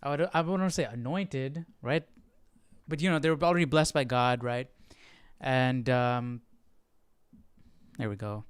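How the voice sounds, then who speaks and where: Hosting an informal Bible study, this man offers off-the-cuff teaching commentary, musing tentatively and often asking "right?" He speaks in a smooth, mid-range voice at a measured pace with long pauses, and there's no echo.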